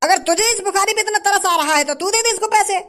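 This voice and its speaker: A man's voice: very high voice, quick pace, sharp tone. An actor playing a stingy, rude male shopkeeper who scolds and dismisses a beggar in a comedy sketch. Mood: scolding.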